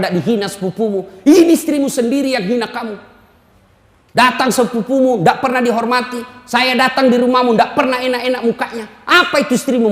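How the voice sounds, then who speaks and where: A man's voice: very high-pitched, a bit bright. A man voicing an older mother sharply scolding her married son. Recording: echoey hall.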